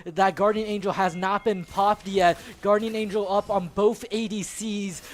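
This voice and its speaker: A young man doing color commentary on a college esports final. His voice is hoarse from shouting, and his hype bursts give way to halting thank-yous. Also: high voice, steady tone.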